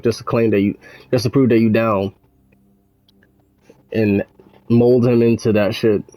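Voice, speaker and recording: A man's voice: medium pitch, warm tone, dry recording. A man giving casual, rambling commentary while gaming, sardonic and full of swearing. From United States. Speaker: gaming channel host.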